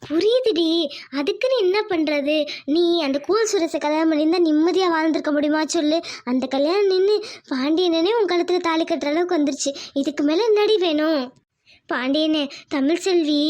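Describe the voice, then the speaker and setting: A woman's voice: sits high, darkish tone, lightly acted. A woman voicing a chatty, loyal young woman in a cartoon. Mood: coaxing. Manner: coaxing, talkative. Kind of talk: cartoon voice acting.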